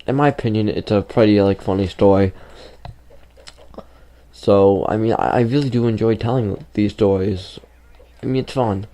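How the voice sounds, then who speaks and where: A teenage gaming YouTuber, fifteen years old, speaks in a lowish, warm voice at a moderate pace with fairly even intonation and long pauses. Over gameplay he tells a meandering, filler-heavy story while he's losing his voice.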